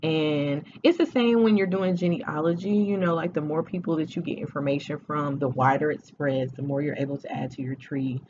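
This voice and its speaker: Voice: mid-range voice, moderate pace, few pauses, highs cut off, noisy background. A vlogger in their forties chatting casually to camera, talking hesitantly with many fillers and restarts. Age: 40s.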